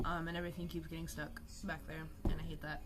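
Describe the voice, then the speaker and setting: A woman's voice: low voice, flat delivery, fast talker, noisy background. A young woman chatting casually on a live art stream at home, rambling, joking at herself and swearing freely. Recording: music playing behind the voice. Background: music.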